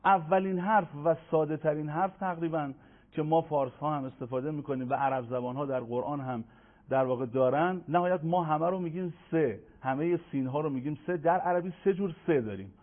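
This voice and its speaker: Patient male Quran tutor, slightly high voice, formal and courteous, tinny phone-like sound. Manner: patient, formal, addresses viewers politely; slows to chant Arabic verses. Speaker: Quran recitation teacher. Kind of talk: televised pronunciation lesson.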